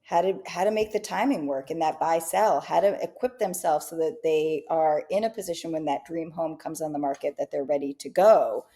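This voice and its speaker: Speaking fairly quickly with few pauses, this woman has a low, dark-toned voice. She co-hosts a business podcast in an upbeat, casual way, tacking "right?" onto many of her points.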